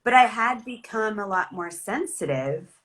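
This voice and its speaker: Bright-voiced woman chatting as host. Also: mid-range voice, lively intonation, measured pace. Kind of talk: casual chat.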